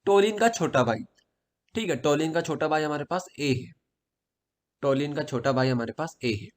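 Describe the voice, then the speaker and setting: A man's voice: fairly high pitch, normal speed. A man from Madhya Pradesh teaching chemistry in a casual exam-prep lesson, repeating key points and asking and answering his own questions. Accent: Hindi-speaking Madhya Pradesh.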